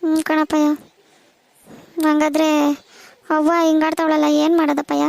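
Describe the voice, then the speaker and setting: Woman doing tearful cartoon daughter, very high voice, quick, raspy fry. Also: completely flat delivery, a little mellow, no room sound. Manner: pleading, worried questions. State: crying. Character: tearful teenage village daughter, anxious and pleading. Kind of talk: cartoon voice acting.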